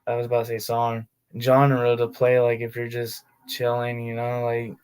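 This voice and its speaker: A man chats casually on his livestream in a smooth, clean voice. His pitch barely moves and stays almost monotone. He drifts along in relaxed slang, with lots of "like" fillers. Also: normal speed. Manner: laid-back slangy talk full of "like" fillers. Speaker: streamer of his own tabletop game sessions.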